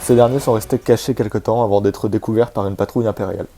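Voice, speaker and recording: A man's voice: on the low side, fairly even intonation, fast talker, dark tone. A man hosting a casual video, chatty and hesitant with many fillers and joking asides, over faint background music. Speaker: YouTube host presenting a game character.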